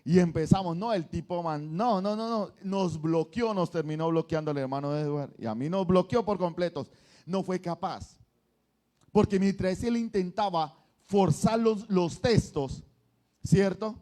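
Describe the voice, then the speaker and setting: A man's voice: high voice, measured pace. A male pastor preaching a sermon, telling stories with energy and firing questions at the congregation. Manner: animated storytelling preacher quizzing the congregation.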